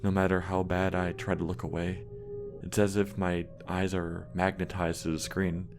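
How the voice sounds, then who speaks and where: A man narrating a scripted horror story with a measured, steady delivery. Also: deep voice. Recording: music playing underneath.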